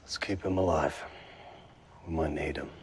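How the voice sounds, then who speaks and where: A hardened biker club leader speaks low and steady in a TV drama clip. His voice is very deep, and clear background noise from the show's audio runs underneath. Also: normal speed. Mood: steady, grim. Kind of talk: television drama acting.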